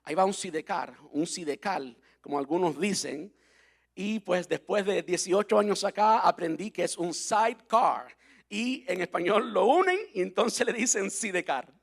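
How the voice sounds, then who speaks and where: A man's voice: high voice, animated, moderate pace, vocal fry. A middle-aged man with a Cuban Spanish accent, preaching a sermon as pastor in a playful, explanatory way. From Cuba. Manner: playful, explanatory, spells words out letter by letter.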